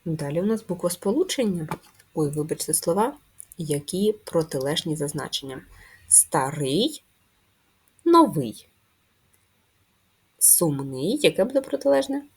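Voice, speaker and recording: Woman, primary teacher, low voice, husky, slow patient dictation. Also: big pitch swings, a little mellow. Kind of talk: video lesson for first graders.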